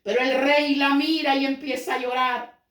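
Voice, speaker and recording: High-voiced woman preaching in an echoey room. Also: little pitch movement, fairly bright tone. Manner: storytelling with dramatic slowdowns and acted quotes. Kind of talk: sermon with a storytold parable.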